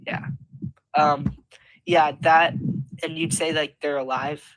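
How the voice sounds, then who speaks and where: A man's voice: fairly high pitch, steady tone, slow pace, fairly bright tone, low-quality recording. A man calling into an online debate, earnest and hedging with filler words as he argues. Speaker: debate caller.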